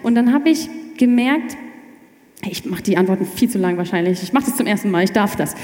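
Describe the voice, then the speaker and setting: An excitable young woman with a mid-range voice shares her faith story as a guest, giving a personal testimony in casual chat. She's animated and talks in quick restarts, recorded in an echoey room with long reverb.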